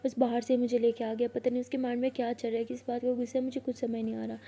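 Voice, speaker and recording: A woman voicing a troubled young wife who holds back and speaks hesitantly. The tone is mellow and a little high. It is delivered as plain storytelling. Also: level tone, close to an everyday voice. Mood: subdued.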